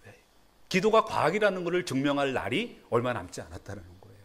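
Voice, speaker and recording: Animated middle-aged Korean pastor preaching. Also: male voice, mid-range voice, fast. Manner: conversational preaching with self-deprecating laughs and sudden emphatic rises. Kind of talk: sermon. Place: church sanctuary.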